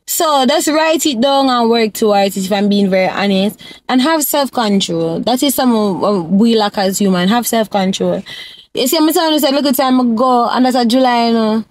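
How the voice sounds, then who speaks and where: A woman's voice: a little high, lively intonation, normal speed. Chatty young Jamaican woman vlogger. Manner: chatty, mixes Jamaican patois with English. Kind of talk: casual advice vlog.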